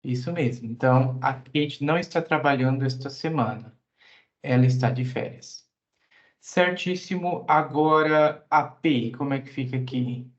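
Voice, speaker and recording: A man's voice: mid-range voice, moderate pace, highs cut off. A man teaching English in an online class, patiently explaining grammar at length and asking students questions.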